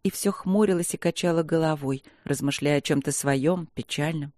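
An audiobook narrator reading a novel in an even, measured way. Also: medium pitch, no echo, studio quality. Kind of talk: scripted narration.

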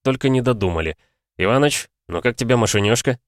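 A man voicing a brisk, clipped male tank company commander in an audiobook. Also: medium pitch, lively intonation, no room sound, clean studio sound, voice pushed up, close to an everyday voice. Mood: commanding.

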